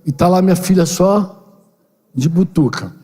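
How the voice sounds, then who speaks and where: Older man preaching with a high voice. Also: unhurried. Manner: animated, acts out dialogues with playful slang. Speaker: pastor leading a parenting seminar. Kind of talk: conversational sermon. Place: church building hall. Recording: long hall reverb.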